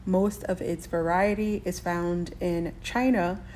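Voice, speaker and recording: A woman's voice: fairly low pitch, fairly even intonation, slow, darkish tone, a little hiss or hum. A woman hosting a shopping channel who explains how to say tricky words in a chatty way, laughing lightly now and then. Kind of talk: casual explanatory lesson.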